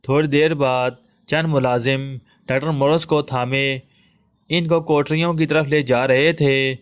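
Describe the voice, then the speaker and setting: A man's voice: mid-range voice, fairly even intonation, clear, resonant tone. Man narrating a suspenseful story.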